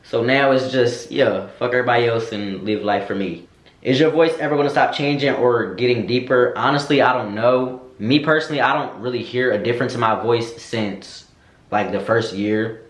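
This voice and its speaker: In an echoey room, a young American man vlogs a casual Q&A, chatting candidly to camera with sass and slang as he answers viewers. His voice is mid-range at a normal speed.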